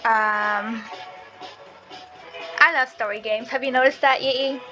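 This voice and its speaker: A woman's voice: on the high side, steady tone, slow pace, bright, forceful tone, dull audio, faint music behind. A woman chatting and giggling while playing a story game with a friend. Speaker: gaming co-host. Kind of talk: casual gameplay chat.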